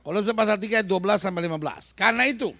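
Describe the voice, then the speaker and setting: A man preaching an animated sermon to a congregation, often asking them questions and mixing in English phrases. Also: high voice, rapid-fire, no room sound. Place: church hall.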